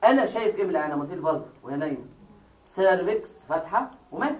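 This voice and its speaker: A man with an Egyptian Arabic accent giving a classroom lecture, explaining step by step and quizzing his students with quick questions. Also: a little high, very animated, recorded from a distance. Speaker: medical lecturer. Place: lecture hall. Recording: echoey hall, taped from afar.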